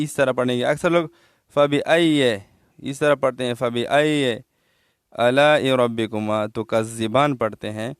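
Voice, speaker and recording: A man's voice: a little high, smooth, dry recording, clean studio sound. A man with a Pakistani Urdu accent teaching tajweed, patiently explaining each letter and asking if his pupils understand. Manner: patient explanation, asks pupils if they understood, slows down to chant verses. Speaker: Quran recitation teacher. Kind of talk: tajweed lesson, explaining then reciting.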